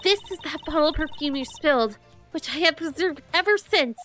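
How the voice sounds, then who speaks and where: Fierce young game heroine, played by a woman: earnest, high, forceful, faint music underneath. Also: expressive, fairly quick. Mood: determined.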